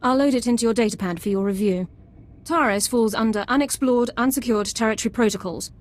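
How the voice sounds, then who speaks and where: An actress with a slightly high, natural voice talks a little fast as a strict, formal female army sergeant giving precise, clipped military reports. It's video game cutscene voice acting with an Imperial-sounding accent, heard as game audio over a music bed.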